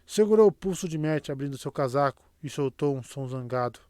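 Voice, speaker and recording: A man narrating a fantasy audiobook in a steady, even storytelling manner. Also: fairly high pitch, fairly quick, dry recording, studio quality. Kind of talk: scripted narration.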